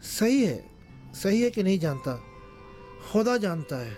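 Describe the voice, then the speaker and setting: An actor playing a firm, hospitable older head of the family in a dubbed TV drama, speaking in a commanding way. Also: male voice, sits high, big pitch swings, warm tone, faint music behind. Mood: stern.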